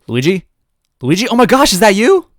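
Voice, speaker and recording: A man voicing an excitable young female archaeologist who stammers and gushes. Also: mid-range voice, fast talker, dry recording, clean studio sound, voice pushed up. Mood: excited. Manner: stammering, gushing.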